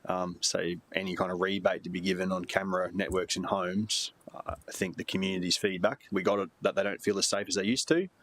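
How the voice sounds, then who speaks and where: An Australian man speaking as a councillor in a committee meeting, making measured points to the chair. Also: sits low, level tone, a bit bright.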